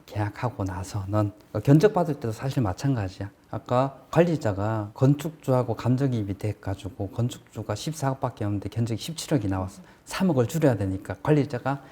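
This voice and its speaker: A man's voice: medium pitch, animated, brisk, hardly any pauses, warm tone, breathy edge. A man giving a casual explanatory lecture on construction management, plain-spoken and asking rhetorical questions as he teaches.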